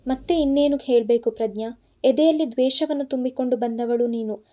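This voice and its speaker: Angry young man, scolding, insistent, dark mellow tone, read by a woman, audiobook. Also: fairly high pitch, a little fast, close to an everyday voice. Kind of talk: audiobook narration.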